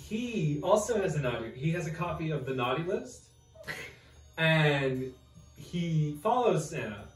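A man's voice: fairly high pitch, very animated, measured pace, recorded from a distance. A man hosting a goofy comedy podcast, teasing his co-host and hamming up mock-dramatic bits. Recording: roomy sound from off the mic, music behind.

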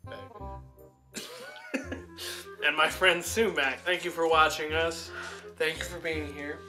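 Podcast host, bright tense voice, crude jokey banter, music underneath. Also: mid-range voice, level tone, measured pace. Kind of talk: casual comedic chat.

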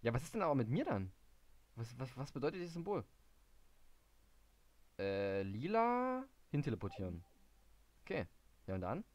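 A man doing live game commentary, muttering in confusion, reading in-game hints aloud and breaking into sudden excited outbursts. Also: mid-range voice, normal speed, long pauses. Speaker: let's play gamer.

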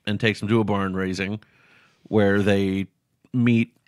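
Easygoing low-voiced man co-host. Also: little pitch movement, measured pace, no room sound, studio quality. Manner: easygoing, agreeing, recaps the plot. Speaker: podcast co-host. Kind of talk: casual film-discussion podcast chat.

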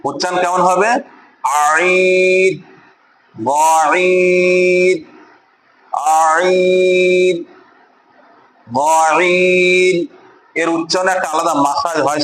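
Patient man teaching letters, echoey room. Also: on the high side. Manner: patient, repeats each letter slowly and draws out sounds. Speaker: Quran reading teacher. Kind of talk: beginner Arabic alphabet lesson.

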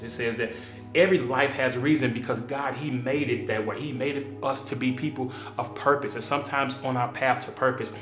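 A man in his thirties, a pastor, giving a relaxed, conversational devotional talk to camera from a small indoor studio, with plenty of ums and uhs. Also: mid-range voice. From Kansas City area. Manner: relaxed, conversational, filler-heavy. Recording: roomy sound with soft music behind.

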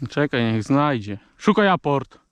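A man's voice: medium pitch, sing-song, unhurried, a little hiss or hum. A man out hunting, calling short clipped commands to his dogs in the open fields. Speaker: hunter working his dogs. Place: outdoors in rural fields.

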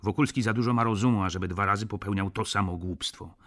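A man's voice: fairly low pitch, quick pace, a bit bright. An actor reading a sardonic, cynical middle-aged male doctor in an audiobook, blunt and lecturing.

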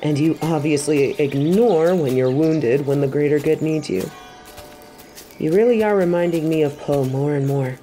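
A woman playing a stern but warm-hearted tiger kung fu master in a roleplay audio, speaking in a measured, composed way to the listener. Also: low-pitched, soft background music, close to an everyday voice. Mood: measured, approving. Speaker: voice actor in a fan roleplay audio. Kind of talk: scripted roleplay addressed to the listener.

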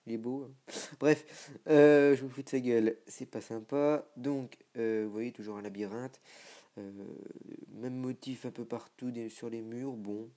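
A man's voice: medium pitch, steady tone, unhurried, mellow. A young man giving a casual, self-mocking commentary as he tours a game server, with many hesitations. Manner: chatty, self-mocking, lots of filler hesitations. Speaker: gaming video creator.

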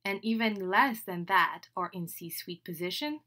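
Expressive and forceful, her mid-range voice is bright and measured in pace. This Senegalese woman, a native French speaker, hosts a solo podcast introduction, chatting upbeatly and laughing between phrases.

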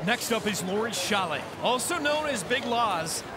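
A man working as play-by-play commentator, giving measured, informative sports commentary. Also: high-pitched, lively intonation, very noisy. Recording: loud crowd and music behind.

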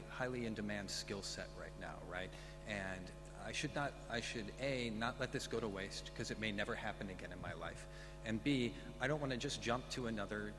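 A man speaking emphatically but conversationally on a conference panel in a large, very echoey room. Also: on the low side. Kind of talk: conference question-and-answer discussion. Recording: very echoey hall.

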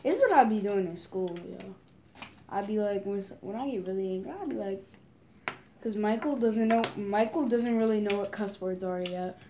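A woman's voice: medium pitch, moderate pace. A young woman chatting casually and giggling over a game, using slang. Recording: echoey room, background noise.

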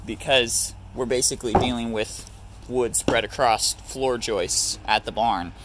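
A man's voice: medium pitch, fairly even intonation, unhurried, heavy background noise. A young man chatting casually through a farm DIY vlog, joking and explaining as he works. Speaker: farm vlogger. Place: outdoor farm yard and workshop.

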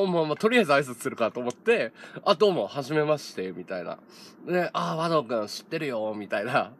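A man's voice: a little high, fairly bright tone, a little hiss or hum. A man in his thirties, a streamer, telling a story in casual chat, laughing often and acting out other people's lines. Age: 30s.

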